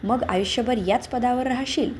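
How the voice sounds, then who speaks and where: A woman's voice: on the high side, moderate pace, slight background noise, close to an everyday voice. A woman voicing a smug, pushy male team manager in a spoken story.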